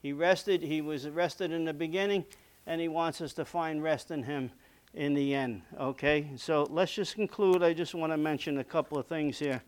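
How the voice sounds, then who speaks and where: Earnest preacher with a smooth voice. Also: male voice, on the high side, normal speed. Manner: earnest, conversational, frequent "okay?" checks. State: losing his voice. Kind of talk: sermon.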